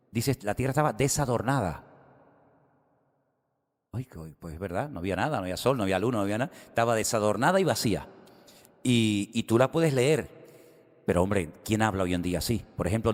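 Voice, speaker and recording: Pastor in his sixties, low voice. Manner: conversational, rambling with restarts and asides. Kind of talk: sermon. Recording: hall with long reverb.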